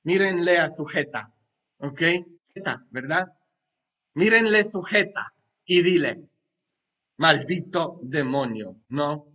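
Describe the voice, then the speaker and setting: A priest preaches a homily in a lively, joking way, tossing quick questions and asides at his listeners. His voice sits high and bright, and he takes his time over the words. The recording is dull and lo-fi. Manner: half-sings song lines loudly. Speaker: pastor. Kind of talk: sermon.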